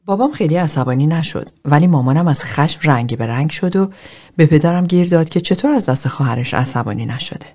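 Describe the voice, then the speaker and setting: A woman voicing an adult man in a therapy group, telling his story in a measured, confessional way. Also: deep voice, lively intonation, a little mellow. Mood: earnest.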